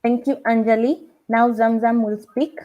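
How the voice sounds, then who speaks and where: A woman moderating a webinar panel on a video call, polite and steady. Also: a little high, moderate pace, dull audio.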